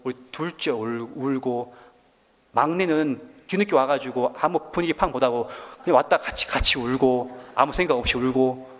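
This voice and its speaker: Korean man telling his story in an echoey church hall. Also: medium pitch. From South Korea. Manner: animated storyteller, voice rising when moved. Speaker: missionary. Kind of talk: testimony in a church service.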